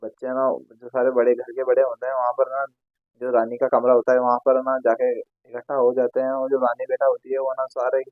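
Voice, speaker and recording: A man's voice: mid-range voice, completely flat delivery, fairly quick, dry recording. A man casually retelling a TV serial episode in a rambling way, full of fillers and restarts. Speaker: TV serial recap narrator. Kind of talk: casual episode recap narration. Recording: tinny phone-like dry sound.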